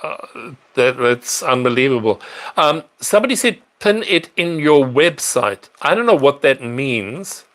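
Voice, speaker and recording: A man's voice: medium pitch, animated, unhurried, fairly bright tone. A middle-aged man hosting a live stream, chatting casually and answering viewer questions, rambling with fillers and restarts. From South Africa. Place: apartment in a large city.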